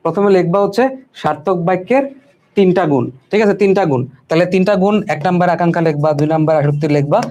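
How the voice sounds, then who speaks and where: A man's voice: sits high, quick pace, dark tone. A young man from Bangladesh teaching an online exam-prep lesson, repeating points and slipping in English words. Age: young adult. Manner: repetitive, reassuring, mixes English words. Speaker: tutor.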